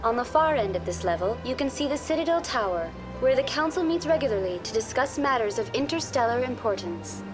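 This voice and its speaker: A woman voicing a courteous virtual intelligence guide in a science fiction game, formal, measured and impersonal. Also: a little high, animated, music in the background, natural voice. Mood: polite, composed. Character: courteous female virtual intelligence tour guide on a space station. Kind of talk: scripted informational game dialogue.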